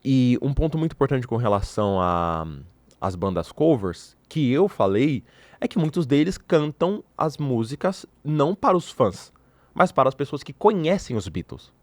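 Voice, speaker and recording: A young man from Brazil talks straight into a close microphone, animated and opinionated, pushing his views with playful provocation. His voice sits at an ordinary middle pitch. The room sound is dry, with no echo around him. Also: normal speed. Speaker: podcast host. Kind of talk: casual commentary to camera.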